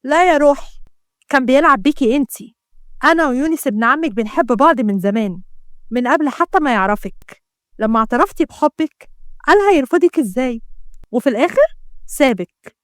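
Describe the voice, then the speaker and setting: A woman's voice: high voice, expressive, brisk, no echo, studio quality. Woman doing a gloating spiteful young sister. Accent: Egyptian. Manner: mocking, gloating.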